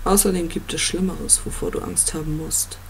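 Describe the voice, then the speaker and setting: A reader voicing an ancient, commanding yew-tree monster in an audiobook, with a slow, stately delivery. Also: mid-range voice, steady tone, a little hiss or hum, lightly acted. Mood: dry, probing. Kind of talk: audiobook reading.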